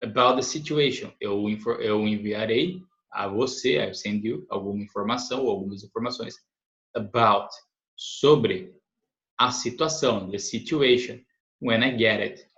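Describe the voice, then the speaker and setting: A man with a Brazilian Portuguese accent, teaching an English lesson, patiently explaining sentences, often adding "né?", reading examples slowly. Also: medium pitch, a bit bright. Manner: patient explanations, frequent "né?" tag questions. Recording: echoey room, dull lo-fi sound.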